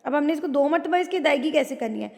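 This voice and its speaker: A woman teaching a Quran recitation lesson, explaining rules patiently and chanting words in long drawn-out tones. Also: sits high, expressive, a little mellow. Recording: long hall reverb.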